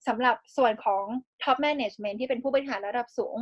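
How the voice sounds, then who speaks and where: A woman interpreting the speakers in a steady, fluent voice-over. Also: on the high side, moderate pace. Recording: dull lo-fi recording.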